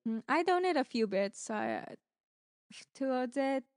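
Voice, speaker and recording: A woman co-hosts a podcast, chatting casually about gaming streams and giveaways while she rambles and animatedly acts out quotes in her retold stories. Her voice is high and her pace moderate. The sound is clean studio quality with no echo.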